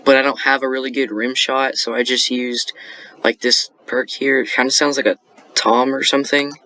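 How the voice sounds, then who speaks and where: A man's voice: medium pitch, flat delivery, normal speed, bright, forceful tone. A young man casually explaining how he made a beat, rambling with lots of fillers and self-corrections. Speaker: beat-making tutorial host. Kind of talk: casual screen-recorded tutorial.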